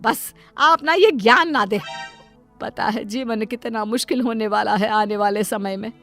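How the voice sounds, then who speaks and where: A long-suffering mother in a cartoon story defends and spoils her daughter, voiced by a woman. Her high voice is pleading and tender. Light music plays underneath. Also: unhurried, fairly bright tone. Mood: defensive. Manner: pleading, self-sacrificing. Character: devoted doting middle-aged mother, long-suffering.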